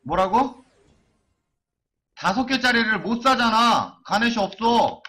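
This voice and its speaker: A man's voice: high voice, expressive, slow pace, bright, forceful tone. A man streaming an online game live, chanting and cursing as he gambles on item upgrades.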